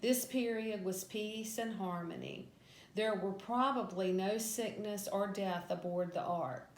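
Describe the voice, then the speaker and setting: A woman's voice: mid-range voice, measured pace. A woman Sunday school teacher reads a scripted Bible story lesson aloud in a storytelling delivery. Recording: echoey room with background noise.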